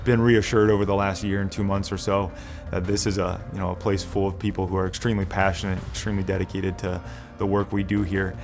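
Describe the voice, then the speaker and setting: A man's voice: sits low, little pitch movement, fast talker, vocal fry, hardly any pauses. A man speaking earnestly and measuredly about community care in an interview. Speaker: primary care clinician, scholarship recipient. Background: background music.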